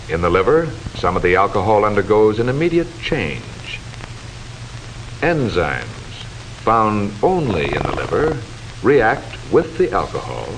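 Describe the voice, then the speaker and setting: A man's fairly low voice gives scripted narration that is formal, measured, and instructive, styled after a 1940s educational film. The audio is poor and carries the hiss of an old soundtrack.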